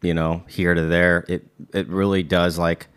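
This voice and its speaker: A man's voice: sits low, flat delivery, normal speed, a bit bright, smooth. A man in his thirties co-hosting a casual chat, rambling with many fillers and restarts. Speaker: podcast co-host.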